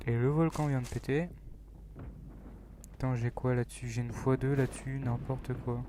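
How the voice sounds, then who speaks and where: A man's voice: mid-range voice, steady tone, normal speed, mellow, a little hiss or hum. A young man, commenting on a mobile battle royale game in a joking, self-mocking way, rambling with fillers and sometimes dropping to a near-whisper. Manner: drops to near-whispers in tense moments. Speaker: gaming YouTuber.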